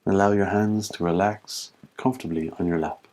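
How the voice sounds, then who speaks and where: A male teacher leads a guided meditation, speaking calmly in measured phrases with long pauses. His voice is low-pitched.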